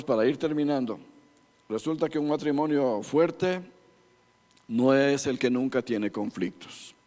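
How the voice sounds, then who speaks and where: An Ecuadorian man in his sixties preaches at a church couples' meeting, folksy and full of jokes. His voice sits at a middle pitch, and a long reverb from the church hall trails each phrase. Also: a little mellow. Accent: Ecuadorian Spanish. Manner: folksy and joking, addresses listeners as beloved brothers. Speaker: church couples-ministry speaker. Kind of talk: preaching to a congregation.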